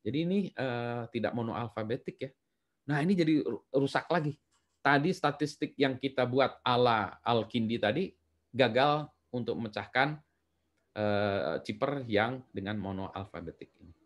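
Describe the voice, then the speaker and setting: A middle-aged man with an Indonesian accent giving a university lecture, relaxed and chatty, with many fillers and tag questions. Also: mid-range voice, normal speed. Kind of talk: recorded lecture.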